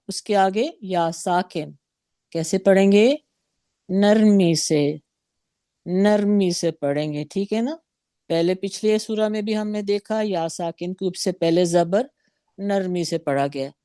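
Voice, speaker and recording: A woman leads a recitation lesson at a very slow, deliberate pace, stretching each sound so learners can follow. Her voice is mellow and dark, recorded dry and close with no room sound. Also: mid-range voice, no echo. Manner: patient, drawn-out demonstrations of syllables. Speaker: Quran recitation teacher. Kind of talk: slow Tajweed lesson, modelling sounds for repetition.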